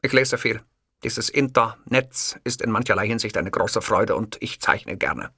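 A man's voice: fairly low pitch, measured pace, pushed and bright, slightly rough, no echo, studio quality, full character voice. A man voicing a pompous, self-assured older male dictator who speaks with emphatic, haughty declamation in an audiobook. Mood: smug. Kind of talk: audiobook character voice.

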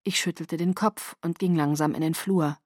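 A woman narrating an audiobook in the first person with a calm, measured reading. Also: deep voice, no room sound, studio quality.

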